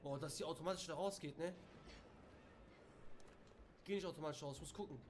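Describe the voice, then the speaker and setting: A young man with reacts to a horror game from his room at home, his voice sitting high. He gets jumpy and curses under pressure, and a clear hum of background noise runs under the stream. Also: fairly quick. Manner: jumpy, swears, shouts when startled. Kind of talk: casual let's play commentary.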